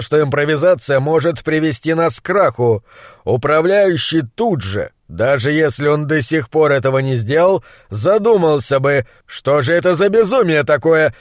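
A man's voice: on the high side, no room sound, clean studio sound, lightly acted. A man voicing a brilliant, bitter monster scientist who speaks with acid sarcasm. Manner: acid, sardonic.

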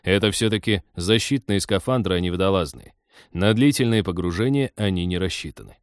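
Brief: narrator as a strict captain giving orders, deep-voiced. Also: male voice, fairly quick, clean tone, dry recording, clean studio sound, close to an everyday voice. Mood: stern. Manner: strict, firm. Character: stern male spaceship captain.

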